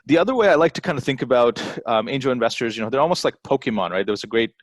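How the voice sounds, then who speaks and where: A man's voice: medium pitch, expressive, rapid-fire, dry recording. A man raised in Texas, giving an informal conference talk over a video call, chatty and sprinkled with "you know" and "right?". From born in Bangladesh, raised in Texas. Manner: conversational, tag questions and frequent fillers. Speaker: angel network CEO giving a presentation. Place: remote, presenting from home over a video call.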